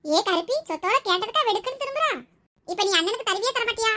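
Woman doing a bratty teen brother, yelling and teasing, very high, Tirunelveli accent. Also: animated, fast talker, full character voice. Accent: Tirunelveli Tamil. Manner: loud, teasing, shouting. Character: cheeky teasing teenage boy pestering his sister.

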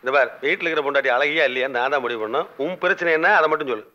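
Brief: fast-talking flustered middle-aged boss, bright voice, dull old film sound. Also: male voice, on the high side. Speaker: company boss. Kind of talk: comic film dialogue.

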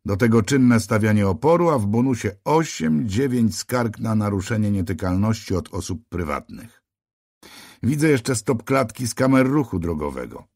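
A man's voice: fairly low pitch, animated, moderate pace, a little mellow, dry recording, clean studio sound. A man voicing a tired, heavyset male police officer near fifty in an audiobook, matter-of-fact and a little sardonic. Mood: weary. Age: middle-aged. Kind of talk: audiobook character voice.

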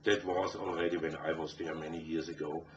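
Heard through dull, distant, slightly noisy interview audio, this middle-aged man from Austria speaks with an Austrian German accent, German being his native language. As a musician, he answers conversationally, his very deep voice flat and fairly quick.

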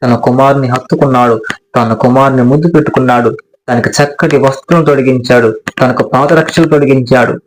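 A man's voice: mid-range voice, fairly even intonation, fairly quick, rough recording. A male pastor preaching a sermon, addressing his listeners with repeated appeals and rhetorical questions.

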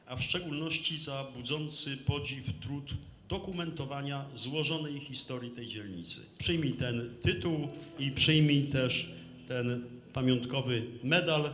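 A man's voice: medium pitch, measured pace, a bit bright. A man reading out a formal award citation in a ceremonious manner as the presenter. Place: hall at a public ceremony. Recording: echoey hall, light noise, audience.

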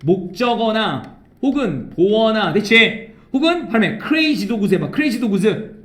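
High, bright-voiced male English teacher. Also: very animated, slow pace, roomy sound. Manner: drills students with call-and-repeat prompts; keeps checking understanding with tag questions. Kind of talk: grammar lecture.

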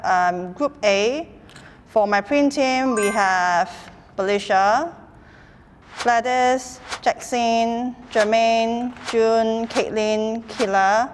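Brisk woman announcing to a class. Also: mid-range voice, big-room sound, a little hiss or hum. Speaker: modeling course instructor. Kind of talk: addressing a class.

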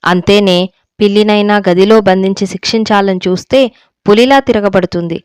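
A woman's voice: medium pitch, fairly even intonation, moderate pace, clear, resonant tone, no echo, natural voice. A woman voicing a fed-up, defiant young daughter-in-law who speaks heatedly in a storybook reading.

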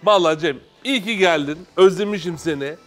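A man's voice: high-pitched, a little fast, fairly bright tone, soft background music. A man speaking as the off-screen voice-over host of a gaming show, with dry, teasing banter.

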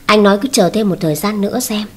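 Husky-voiced woman narrating a story. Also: mid-range voice, fast talker.

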